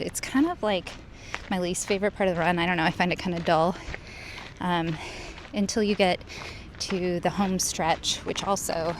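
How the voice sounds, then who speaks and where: A woman vlogger talking casually to camera as she narrates a recap of her run. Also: on the low side. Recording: noisy outdoors with traffic and ambience.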